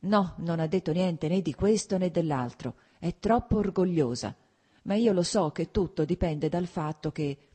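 An anxious older princess who scolds and frets, read by a woman narrator. Her voice is husky and dark, pitched a little higher than the narration. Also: moderate pace. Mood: worried. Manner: plaintive, reproachful.

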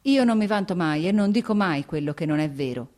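A woman's voice: lowish voice, animated, brisk, darkish tone, natural voice. Woman reading as a stiff angry nobleman. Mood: restrained anger. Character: proud young nobleman, stiff, restrained anger.

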